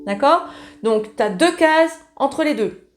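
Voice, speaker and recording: A woman's voice: high-pitched, expressive, slow pace, over music. A woman giving a casual ukulele lesson, talking in a chatty, familiar way while strumming along. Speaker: ukulele teacher. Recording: loud ukulele playing along.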